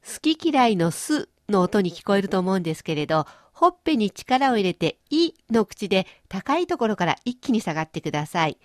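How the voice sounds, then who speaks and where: A woman's voice: mid-range voice, very animated, fairly quick, hardly any pauses, no echo, clean studio sound. A woman hosting a language lesson, explaining pronunciation with playful everyday images. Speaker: language teacher and host. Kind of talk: radio-style language lesson.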